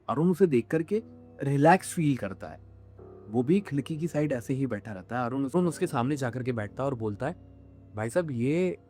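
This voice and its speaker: A man's voice: mid-range voice, a little mellow. A man narrating a horror story in casual spoken style, with fillers and restarts.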